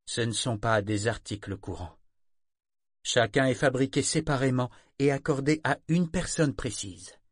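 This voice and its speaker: A man's voice: mid-range voice, no echo, clean studio sound, lightly acted. Man voicing a grave, stern old grandmother. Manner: grave, deliberate. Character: stern elderly grandmother, measured and firm.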